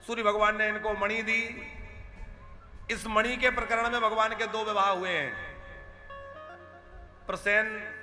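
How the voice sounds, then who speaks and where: A man telling a devotional story as a sermon, chanting Sanskrit verses and acting out the dialogue of the figures himself. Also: sits high. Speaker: kathavachak preacher.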